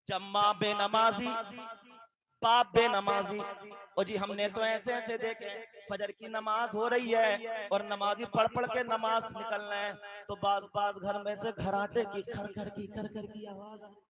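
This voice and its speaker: Brief: male preacher, sermon, very high voice, slow and emphatic delivery, rhetorical questions he answers himself, crowd audible. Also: low-quality recording. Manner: repeats key phrases for emphasis. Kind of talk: sermon to a gathering. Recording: live gathering with crowd noise.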